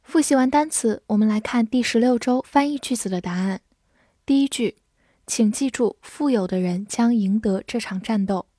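A woman's voice: a little high, moderate pace, warm tone, no echo, clean studio sound. A woman hosting an English lesson, with scripted narration in an upbeat, inviting presenter tone. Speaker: lesson host.

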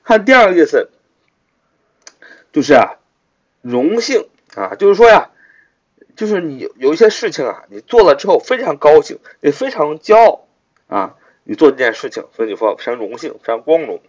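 A man's voice: on the high side, big pitch swings, moderate pace, long pauses. A man teaching English vocabulary in a recorded lesson, repeating words and spelling them out letter by letter. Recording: dull lo-fi recording.

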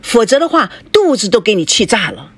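A woman's voice: medium pitch, sing-song, a little fast, slightly rough, no echo. Woman voicing a coaxing, blustering middle-aged dad. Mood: grumbling. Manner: coaxing, sing-song, grumbling.

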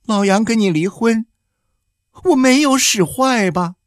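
For this audiobook character, a male narrator pitches up to voice a village woman in desperation, begging with tears and insistence. The delivery is a little slow, a little high, and sing-song. It's recorded with studio quality and no audible room.

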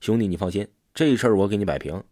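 A man's voice: lowish voice, animated, fast, dark tone, dry recording, studio quality. A man voicing a bold young village butcher who speaks bluntly and directly. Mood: reassuring.

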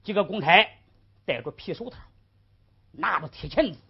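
A woman's voice: fairly low pitch, animated, normal speed, vocal fry, slightly rough. A woman storyteller narrating vividly and addressing the audience directly, on a lo-fi old recording. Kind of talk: traditional storytelling.

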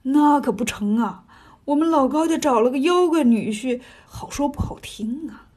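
Woman putting on a slow, fretful old man. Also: high-pitched, expressive, a little mellow. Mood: pleading. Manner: slow, pleading. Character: fretful old village patriarch, male.

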